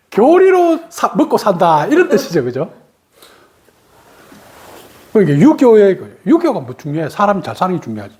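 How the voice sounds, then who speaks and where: A meditation teacher from Korea's Gyeongsang region gives a talk, posing rhetorical questions, answering them herself, and laughing between points. Her mid-range voice is a little mellow, with huge pitch swings, an unhurried pace, and long pauses.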